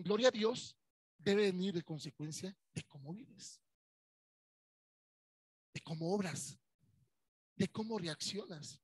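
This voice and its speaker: A man's voice: sits high, husky, dry recording. A man with a Mexican accent preaching a Sunday sermon as pastor, in a conversational way. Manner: conversational preaching, acts out churchgoers' voices.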